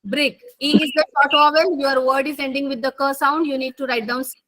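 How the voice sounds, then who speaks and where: Bright, high woman teaching phonics slowly. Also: little pitch movement. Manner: explains rules slowly with repetition, mixing Hindi and English. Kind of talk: online phonics lesson.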